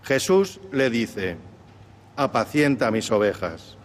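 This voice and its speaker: A man's voice: medium pitch, big pitch swings, a little hiss or hum. Solemn man proclaiming scripture in cathedral echo. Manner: solemn, deliberate, slightly intoned. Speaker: deacon reading the Gospel at Mass. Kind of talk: solemn liturgical reading, partly chanted. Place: large cathedral, at the ambo. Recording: cathedral echo, long reverberant hall.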